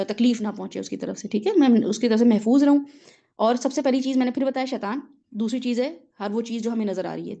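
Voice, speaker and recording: A woman's voice: fairly high pitch, warm tone. A woman who is a mother gives a conversational religious lesson, explaining patiently with everyday examples and often checking in with her listeners. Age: adult mother of children. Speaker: religious teacher.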